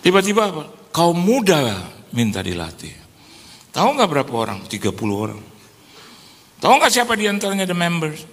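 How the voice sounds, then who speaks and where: Male pastor, lively storyteller, bright voice, echoing church hall. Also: on the high side, brisk. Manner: animated, acts out quoted voices, laughs often. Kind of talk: humorous sermon storytelling. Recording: hall reverb with faint noise.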